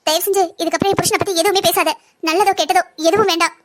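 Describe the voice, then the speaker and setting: A woman voicing a very high-pitched young wife. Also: steady tone, very fast, a bit bright, slight background noise. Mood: firm. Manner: pleading yet defiant. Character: young wife and mother, a doctor, defiant. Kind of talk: cartoon drama voice acting.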